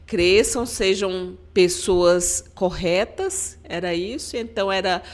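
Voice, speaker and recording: A middle-aged woman from Maranhão, Brazil, who heads a government agency, appears as a guest on a podcast interview. Her voice is fairly low and unhurried, and she speaks earnestly in a storytelling manner, often tagging sentences with "né?".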